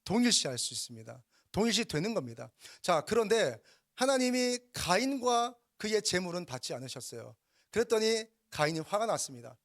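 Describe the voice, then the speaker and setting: A man's voice: high voice, very animated, normal speed, dry recording, clean studio sound. A man preaching a sermon as pastor. He acts out prayers and quoted speech, and he asks the congregation questions. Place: church sanctuary.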